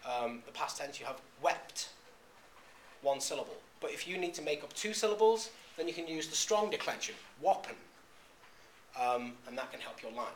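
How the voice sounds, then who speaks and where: A man giving a classroom lecture, talking in a halting way with frequent "um"s and restarts. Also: a little high, animated, a little hiss or hum. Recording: echoey room recording.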